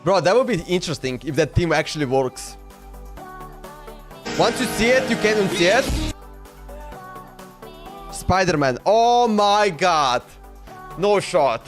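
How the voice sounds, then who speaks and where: With music in the background, a male livestreamer chats casually during a reaction stream, exclaiming in slang and often saying things twice. His high voice is very animated yet measured in pace, with long pauses.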